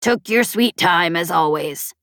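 A woman voicing a young male pirate pilot with a low, growling voice in an audiobook. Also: a little slow, fairly bright tone, no room sound, studio quality. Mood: gruff.

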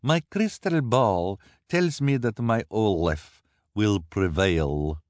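A man's voice: fairly low pitch, big pitch swings, takes it slowly, a little mellow, no echo, studio quality, voice pushed up. Man doet sluwe waarzegster, vleiend, vreemd buitenlands accent, gebroken Engels, hoge stem, levendige melodie. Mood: fawning. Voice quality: strange foreign accent, broken English. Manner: wheedling, ends phrases with "please". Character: scheming female fortune-teller, flattering, greedy. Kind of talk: audiobook character voice.

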